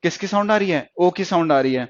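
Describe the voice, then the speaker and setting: A man's voice: high-pitched, quick pace, dry recording. A man teaching stenography, speaking in a slightly raised voice. He drags each vowel sound out long so his students can hear and repeat it, and he keeps stopping to check that they are following. The recording is dry and dull, with a lo-fi sound. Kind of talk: classroom lecture on vowel sounds.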